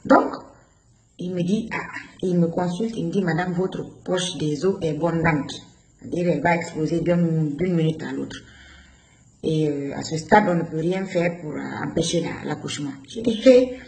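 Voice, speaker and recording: A woman's voice: sits low, normal speed, gravelly. A woman tells a personal story with emotion and acts out the voices of the people in it. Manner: animated, acts out the dialogue of others. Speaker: guest recounting a personal experience. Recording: roomy with faint background noise.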